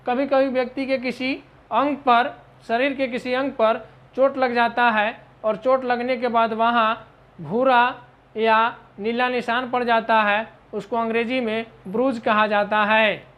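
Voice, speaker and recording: A fairly high-voiced woman leads a vocabulary lesson. She spells each word out letter by letter, then explains its meaning at a patient, measured pace. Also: flat delivery, lo-fi sound. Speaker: English teacher.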